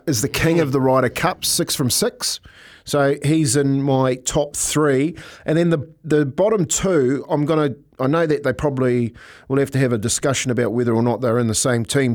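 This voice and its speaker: A man chatting casually as a panellist on a sports radio show. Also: mid-range voice.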